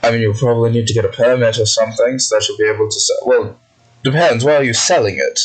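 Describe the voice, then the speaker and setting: A man running a tabletop game as game master, speaking measured and formal in character. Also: medium pitch, fairly even intonation, slightly rough, poor audio.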